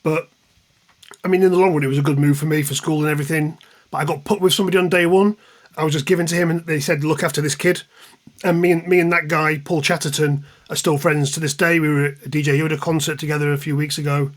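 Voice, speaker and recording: A man in his fifties from the East Midlands of England talks fast in a slightly high, steady voice with an English accent. A music journalist and author, he is an interview guest casually reminiscing, full of anecdotes and self-deprecation.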